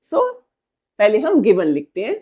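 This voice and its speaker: Slow-dictating woman maths teacher. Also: mid-range voice, wildly swooping pitch, dark tone, husky. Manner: slow, dictating proof steps word by word, often checking "ठीक है?". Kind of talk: Hindi-English maths lesson at a whiteboard.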